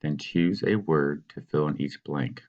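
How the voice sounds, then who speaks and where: A man teaching, patiently talking students through a worksheet and sounding out words slowly. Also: a bass voice, a little mellow, muffled recording. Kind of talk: recorded classroom walkthrough.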